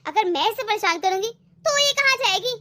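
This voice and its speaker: A woman voicing a resentful, scheming young wife in an animated family story, talking in a bitter, sarcastic, complaining way. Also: very high voice, brisk, exaggerated voice. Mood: bitter grumbling. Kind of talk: animated cartoon voice acting.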